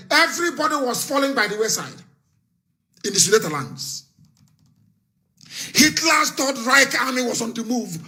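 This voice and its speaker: A man's voice: extremely high pitch, pushed and bright. A man giving a fiery, scornful political broadcast, full of repetition. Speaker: political activist leader.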